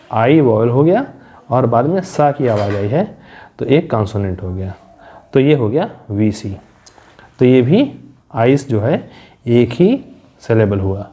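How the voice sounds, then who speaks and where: Man, teacher, mellow warm voice, step-by-step classroom explanation, asks and answers own questions. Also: mid-range voice, breathy edge. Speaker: English teacher. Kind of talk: classroom lesson explaining syllable patterns.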